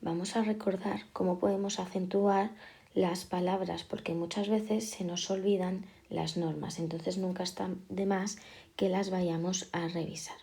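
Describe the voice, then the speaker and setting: A woman teacher, patiently explaining a lesson and repeating key words slowly. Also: fairly low pitch, flat delivery, vocal fry, dark tone. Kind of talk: classroom explanation.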